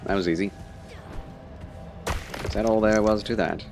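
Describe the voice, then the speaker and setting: A man's voice: fairly low pitch, steady tone, moderate pace. A man doing casual, playful live gameplay commentary as a streamer, in short muttered reactions. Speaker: game streamer. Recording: streamer voice over loud game music.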